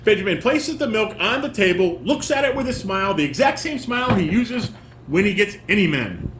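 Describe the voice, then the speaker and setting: A man with a fairly bright, high-sitting voice talks a little fast with lively intonation. He is directing a family table read, reading out stage directions and giving informal corrections. The room is echoey, and background noise is clearly audible.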